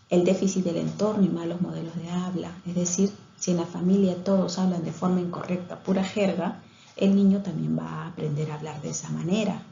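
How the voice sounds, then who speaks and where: A woman's voice: on the low side, creaky, warm tone, echoey room, highs cut off, slight background noise. A woman giving a recorded lecture on speech therapy, explaining things step by step with some hesitations and restarts.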